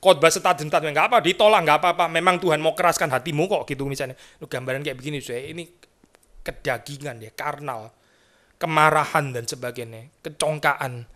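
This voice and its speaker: A man with a fairly high voice delivers a sermon from a church pulpit. He talks to the congregation conversationally and slips English terms into his speech. He drops to hushed asides, then rises into emphatic points. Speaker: pastor. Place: church sanctuary.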